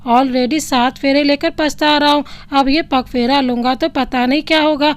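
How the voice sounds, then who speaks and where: A woman's voice: sits high, fairly even intonation, moderate pace, natural voice. A woman voicing a cheeky young husband who grumbles and jokes sarcastically about his marriage. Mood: grumbling. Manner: sarcastic complaining banter.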